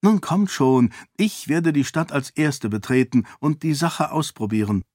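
A man's voice: on the high side, animated, a little slow, darkish tone, no echo, clean studio sound, pitched above the performer's own voice. A man voicing a resolute young noblewoman who talks earnestly and persuasively in an audiobook. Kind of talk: audiobook character voice.

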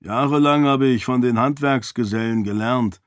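An earnest laborer, plain-spoken and respectful, as a male narrator puts him on. His voice is set a little higher than the narration. The recording is dry and close. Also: moderate pace, dry recording, lightly acted. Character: earnest grown laborer, a plain hopeful man. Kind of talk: audiobook character voice.

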